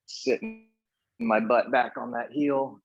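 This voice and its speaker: Slow-paced male fitness coach, slightly muffled. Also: mid-range voice, fairly even intonation, soft background music. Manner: short cues while exercising along. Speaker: fitness coach leading a workout class. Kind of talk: live exercise instruction, counting reps. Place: echoey indoor workout room.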